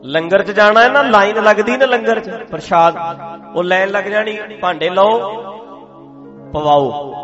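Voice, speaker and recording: A man preaching a sermon, emphatic and humorous, swinging from loud declarations to soft asides. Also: high voice, a little slow, long pauses. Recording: muffled with music behind.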